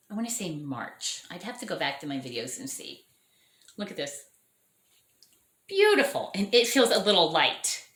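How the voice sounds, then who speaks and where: Her voice mid-range and a little bright, a woman chats enthusiastically about her orchids in a show-and-tell vlog, frequently correcting herself. She's losing her voice. She films in her dining room at home, where the room echoes.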